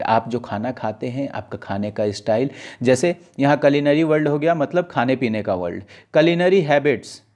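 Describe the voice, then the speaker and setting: A male teacher giving an exam-prep lesson. He reads newspaper lines aloud in a slow, deliberate way. He keeps asking his students questions and then answers them himself. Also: on the high side, darkish tone.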